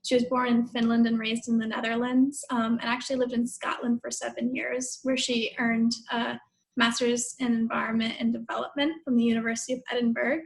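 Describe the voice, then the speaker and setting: A woman's voice: on the high side, flat delivery, fairly quick, vocal fry, poor audio. A woman hosting an online webinar, introducing an absent artist and reading out her background. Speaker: webinar host. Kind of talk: introducing a speaker. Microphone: video call.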